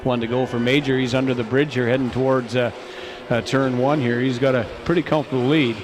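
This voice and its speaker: A man giving conversational live race commentary, a little halting as he thinks aloud. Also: medium pitch, fairly even intonation. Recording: background noise at outdoor race.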